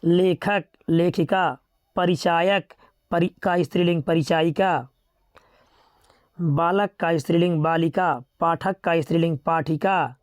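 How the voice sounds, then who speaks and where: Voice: mid-range voice, measured pace, no echo, studio quality. A teacher giving a grammar lesson, steadily reading out word pairs and often stopping to remind students to remember them. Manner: steady, methodical listing with repeated reminders to remember.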